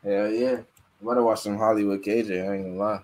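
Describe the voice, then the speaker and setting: A man of about nineteen joining a podcast over a laggy call, playful with quick comebacks. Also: lowish voice, steady tone, darkish tone. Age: late teens. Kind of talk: casual podcast banter. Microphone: remote call with a laggy connection. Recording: noisy lagging call line.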